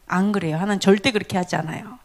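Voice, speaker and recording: A woman giving a Bible teaching sermon, talking in an animated way and often asking her listeners questions. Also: mid-range voice, rapid-fire.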